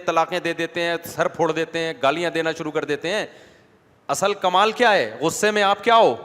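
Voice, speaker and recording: A male preacher gives a religious lecture, his voice sitting a little higher than most men's. He talks in a casual, conversational way and keeps putting questions to the audience. A long reverb trails behind him, as in a large hall. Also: fairly bright tone. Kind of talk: Islamic lecture.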